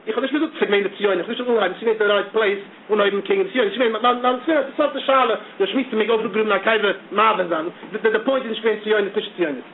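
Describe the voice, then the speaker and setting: A man giving an impassioned monologue who repeats himself and stammers as he gets heated. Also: sits high. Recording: tinny phone-like audio with faint noise.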